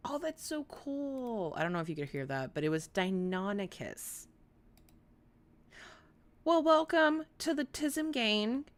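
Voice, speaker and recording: A woman with a speech impediment that turns her R's toward W, chatting casually and excitably to viewers as a livestream host, in a rambling, giggly way. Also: mid-range voice, unhurried, long pauses. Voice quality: speech impediment, weak R sounds like W. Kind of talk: casual live chat with viewers.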